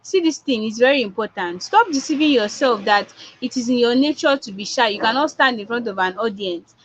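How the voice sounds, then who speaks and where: Her pitch is fairly high and her intonation lively as she talks a little fast, with a bit of hiss or hum underneath. The Nigerian-accented woman is a public speaking coach in a motivational online talk, repeating points for emphasis, recorded in dull lo-fi online sound.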